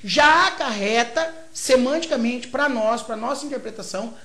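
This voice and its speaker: A man's voice: extremely high pitch, normal speed, pushed and bright. A man from Brazil with a Brazilian Portuguese accent, a teacher giving a grammar lecture who explains step by step and keeps checking in with short tag questions. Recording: roomy echo.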